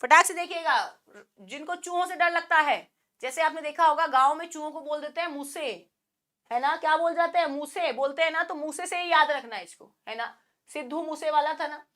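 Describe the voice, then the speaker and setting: A woman teaching an online exam-prep class, teasing her students and peppering them with quick questions. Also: sits high, pushed and bright. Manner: playful and teasing, imitates animal sounds; asks the class many rhetorical questions.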